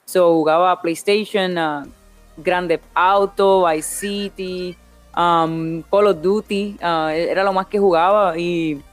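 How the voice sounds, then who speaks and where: A woman's voice: on the low side, fairly even intonation, takes it slowly, faint music behind. A young woman from Puerto Rico with a Puerto Rican accent, a streamer chatting casually as an interview guest, laughing often and mixing in English words. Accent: Puerto Rican Spanish.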